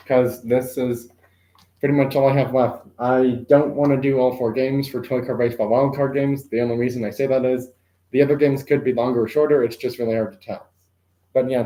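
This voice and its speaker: A man's voice: medium pitch, darkish tone, roomy sound, rough recording. A man hosting a casual live stream, commentating on toy car games and unboxing, rambling with many self-corrections and an occasional cough. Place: room at home.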